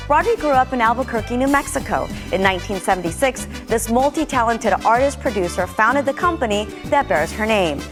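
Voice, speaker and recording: A woman narrating a TV news profile in a polished, measured announcer delivery. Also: a little high. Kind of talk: scripted broadcast narration. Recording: TV segment clip with music bed.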